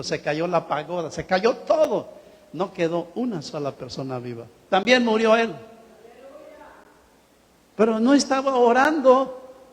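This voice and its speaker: A man preaching a sermon in a church hall, acting out the quotes he tells and laughing now and then. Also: high-pitched. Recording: long hall reverb.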